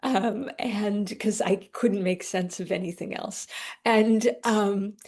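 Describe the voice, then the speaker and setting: A middle-aged woman with vocal fry, chatting casually as an interview guest in a halting, wry way. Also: mid-range voice, steady tone, a little mellow. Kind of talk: casual conversational interview answers.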